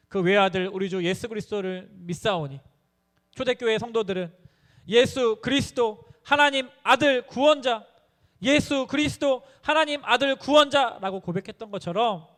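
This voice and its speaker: High-pitched guy giving a youth sermon, earnest storytelling, gets fervent asking the kids questions. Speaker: youth preacher.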